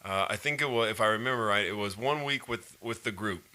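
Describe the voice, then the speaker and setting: Low, bright-voiced joking man. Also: a little fast. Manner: joking, mock-formal teasing. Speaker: podcast co-host. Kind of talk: casual podcast chat.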